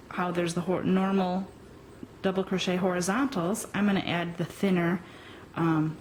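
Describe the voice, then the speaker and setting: A woman explains a crochet technique at a slow, unhurried pace, hesitating with ums as she works. Her pitch sits in an ordinary middle range. A faint hum of room ambience runs behind her. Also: poor audio. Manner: slow, hesitant with frequent ums, talking while working. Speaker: crochet instructor. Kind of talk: step-by-step tutorial.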